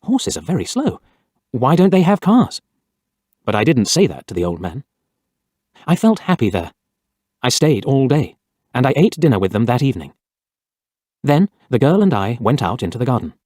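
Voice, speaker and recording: A man narrating a first-person storybook reading in a plain, measured way. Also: mid-range voice, sing-song, a little mellow, dry recording, studio quality.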